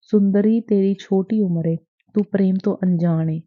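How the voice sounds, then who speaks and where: A woman's voice: mid-range voice, fairly even intonation, moderate pace, close to an everyday voice. A woman voicing an earnest, lovesick young man in an audiobook, close to her own voice. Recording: dry, tinny phone-like sound.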